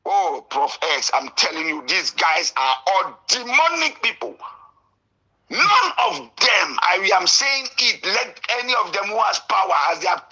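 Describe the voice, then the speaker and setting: A man from Cameroon with a Cameroonian English accent, calling in to a radio show, impassioned and indignant, at times breaking into shouts. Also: sits high, big pitch swings, unhurried, slightly rough, rough recording. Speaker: caller. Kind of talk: call-in radio talk.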